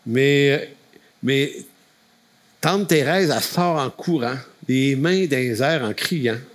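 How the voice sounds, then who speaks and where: A man with a Quebec French accent speaks to a camp, telling a faith story in a folksy way. He restarts phrases often, in a voice of middle pitch. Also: slow pace. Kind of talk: storytelling testimony.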